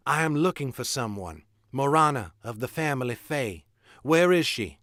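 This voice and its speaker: A man's voice: mid-range voice, expressive, normal speed, fairly bright tone, no echo, clean studio sound, voice pushed up, close to an everyday voice. A man reading aloud and voicing a fierce young woman warrior, stern and commanding. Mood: questioning.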